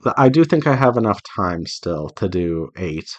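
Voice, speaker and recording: This low-sitting, sing-song voice moves at a moderate pace and has a lo-fi sound. It belongs to a visual novel developer hosting a draw-along devlog, who chats solo while drawing, thinking aloud in a rambling, self-reassuring way.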